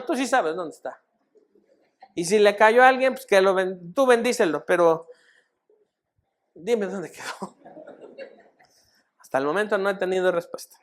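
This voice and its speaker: A man with a Mexican Spanish accent, pastor of a church, preaching a sermon and putting many questions to the congregation. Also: very high-pitched. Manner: preaching, rising loud then dropping to soft. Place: church sanctuary.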